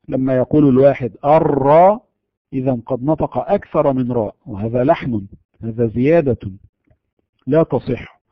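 A man teaching Quran recitation rules, explaining and slowly demonstrating letter sounds in a measured way. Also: medium pitch, no echo, phone-quality sound. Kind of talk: tajweed lesson.

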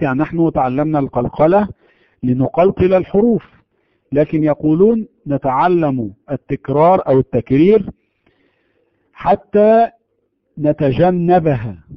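A man teaching Quran recitation, his voice pitched a little high, working through the sounds of letters slowly and deliberately. The sound is dry and a bit muffled, like an old radio broadcast. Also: dry recording. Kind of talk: tajweed lesson.

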